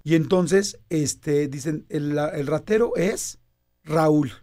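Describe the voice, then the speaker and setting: Mexican man, 50s, raised voice, lively storytelling, acts out the voices. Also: on the high side, takes it slowly. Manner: animated, acts out quoted dialogue. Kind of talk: casual storytelling in conversation.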